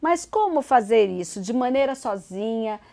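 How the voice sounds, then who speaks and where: A Brazilian woman hosting a TV studio interview, asking long, measured questions. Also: fairly high pitch, lively intonation, creaky, mellow. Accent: Brazilian Portuguese. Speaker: TV interview host.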